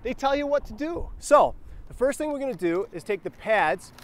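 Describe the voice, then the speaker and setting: High-pitched American male first aid instructor. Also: animated, moderate pace. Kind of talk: instructional demonstration to camera. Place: outdoors on a roadside sidewalk.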